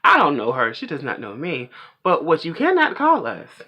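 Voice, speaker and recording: A man hosting a pop culture vlog, ranting in a casual, animated and opinionated way. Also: a little high, moderate pace, husky.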